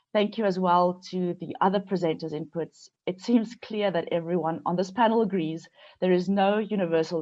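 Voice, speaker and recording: Woman, congested with a flu; lower voice; measured delivery of prepared notes; dull lo-fi audio. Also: darkish tone. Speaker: panel presenter. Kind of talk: prepared presentation.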